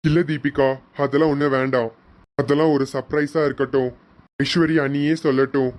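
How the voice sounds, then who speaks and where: A woman's voice: a bass voice, steady tone, fairly quick, a little mellow. A woman voicing Arjun, a young man in a serial drama, talking in a curt, clipped way. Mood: caring. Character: young man Arjun, curt then caring brother-in-law.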